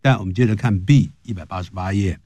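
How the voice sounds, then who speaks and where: A man teaching English grammar on a broadcast lesson, explaining in Chinese and reading English example sentences slowly and carefully. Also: low-pitched, dark tone, dry recording.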